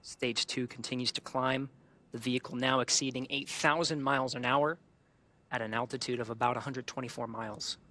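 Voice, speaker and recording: Bright, crisp-edged man commentating a launch. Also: mid-range voice, fairly even intonation, a little fast. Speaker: launch webcast host. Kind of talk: live technical commentary.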